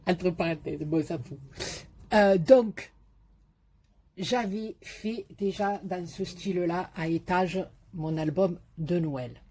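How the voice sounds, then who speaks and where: Slow chatty woman with a Marseille accent. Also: fairly low pitch, dark tone, husky. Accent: Marseille French. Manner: chatty, joking, repeats measurements slowly. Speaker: scrapbooking video host. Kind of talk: casual craft tutorial.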